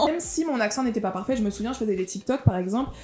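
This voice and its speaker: A woman in her twenties from France and Gabon, with a French accent with touches of Marseille and Gabon, talking straight to her viewers in a casual personal vlog. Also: fairly high pitch. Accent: French, mixed Marseille and Gabonese touches. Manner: fast, lively, chatty, addresses viewers directly. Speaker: vlogger. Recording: roomy room echo, faint music.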